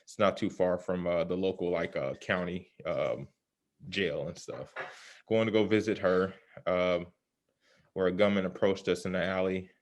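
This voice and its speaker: A man talking through a mask that muffles him, giving a halting, conversational personal account in an interview. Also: low voice, steady tone. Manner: halting, pausing often with "you know". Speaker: interview guest, self-defense shooting survivor.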